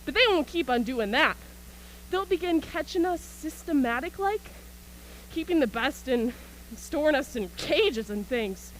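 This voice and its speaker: This woman's high-pitched, lively voice moves at an unhurried pace over poor audio with a little hiss or hum. Performing in a stage radio play set in a school auxiliary gym, she acts a manic, embittered militia soldier who rants in everyday speech about surviving an invasion, scornful and resigned, punctuating it with scornful laughter.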